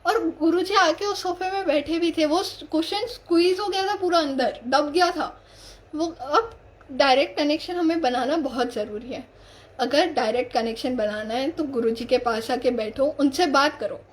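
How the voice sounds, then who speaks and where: A young woman with a high, light voice gives a devotional talk on a live stream. She speaks earnestly and conversationally. She circles back to her key points and often restarts her sentences. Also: normal speed. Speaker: satsang speaker.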